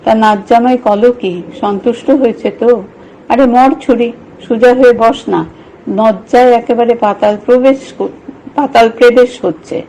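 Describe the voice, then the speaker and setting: A woman's voice: fairly high pitch, steady tone, unhurried, warm tone, slight background noise, low-quality recording. A woman voicing a teasing old village milkwoman who talks in rustic dialect and scolds in banter.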